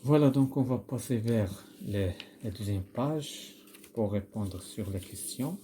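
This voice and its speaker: Male teacher with a Moroccan accent, mellow tone, patient, spells words out and quizzes his pupil. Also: on the low side, a little slow, slight background noise. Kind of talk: recorded classroom grammar lesson.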